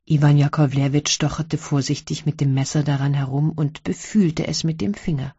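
Casting: low, slow female storyteller, breathy tone, dull lo-fi audiobook sound. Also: steady tone, warm tone, no room sound. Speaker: narrator. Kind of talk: audiobook reading of a classic story.

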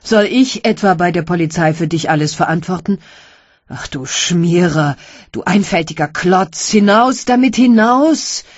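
A woman voicing a barber's scolding wife who shouts insults at him loudly in an audiobook reading. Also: fairly low pitch, measured pace, dry recording, lo-fi sound. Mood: furious. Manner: loud, berating, shouting insults.

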